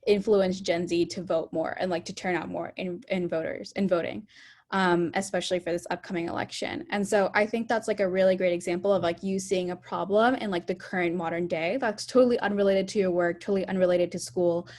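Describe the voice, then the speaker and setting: A woman's voice: on the low side, steady tone, a little fast, darkish tone. Woman saying "like" constantly. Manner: fills speech with "like", some stumbling. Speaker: product manager panelist. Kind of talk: online panel discussion.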